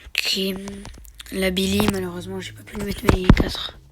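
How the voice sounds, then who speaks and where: Heavy background noise surrounds a young YouTuber talking over his own mobile game, his high voice at a moderate pace. He has a sore throat and a slight cold, and he swings from excited, slangy cheering to muttering quietly to himself.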